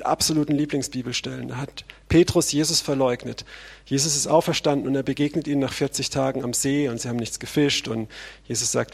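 Gravelly, husky man preaching. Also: mid-range voice, darkish tone. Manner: conversational, frequent tag questions. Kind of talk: sermon.

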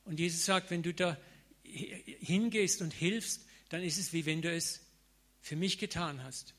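A man's voice: a little high, unhurried, fairly bright tone. A middle-aged man giving an informal, colloquial sermon to a congregation, mixing in slang and everyday examples. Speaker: preacher.

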